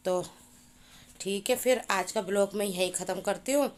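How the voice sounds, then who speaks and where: A woman vlogger narrating her day in a casual, chatty way, often filling pauses with short hums. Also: medium pitch, darkish tone. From India. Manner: chatty, repeats "हैं" and "hmm" as fillers. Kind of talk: casual family vlog narration.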